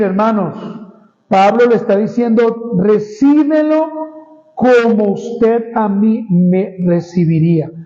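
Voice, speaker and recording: A man preaching an expository Bible sermon as pastor, reading scripture slowly and emphatically and often addressing the congregation as brothers. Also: high voice, dark tone, dull audio.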